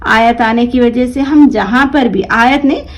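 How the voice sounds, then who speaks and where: Her voice a little high and her pace unhurried, a woman teaching Quran reading explains a lesson by questioning the class and answering for them. She stretches out the words she reads as examples, and the recording quality is low.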